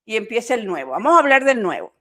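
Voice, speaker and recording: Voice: mid-range voice, very animated, fast talker, a bit bright. A podcast host summing up the guest's story and affirming it.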